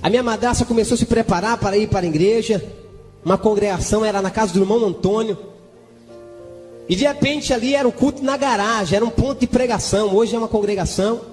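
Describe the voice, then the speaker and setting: A man preaching a testimony in church, telling his story fervently, with sudden shouted exclamations and bursts of tongues between sentences. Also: sits high, fast talker. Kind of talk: sermon testimony. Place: church hall. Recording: echoey church hall with music behind.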